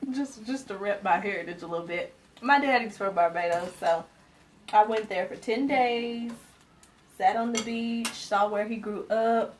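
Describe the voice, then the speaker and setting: A woman in her twenties hosting a live cooking demonstration, talking casually to her viewers and laughing easily. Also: a little high. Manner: chatty, talks to viewers directly, laughs easily. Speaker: cooking show host. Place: home kitchen. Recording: kitchen noise from frying pans. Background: sizzling pans and utensil clatter.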